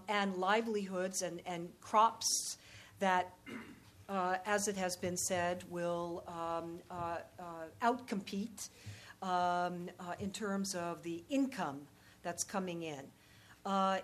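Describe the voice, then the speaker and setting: Woman answering questions, halting and diplomatic. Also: lowish voice. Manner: halting, measured, diplomatic, frequent pauses and repeated words. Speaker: panel speaker, policy expert or diplomat. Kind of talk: unscripted answers at a public question-and-answer session.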